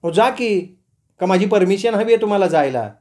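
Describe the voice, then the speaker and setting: Guy doing a sassy young woman in a story, mocking comebacks, sharp and higher. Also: lively intonation. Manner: mocking, quick-witted retorts. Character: sharp-tongued teasing young woman behind a door. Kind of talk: storytelling with acted dialogue.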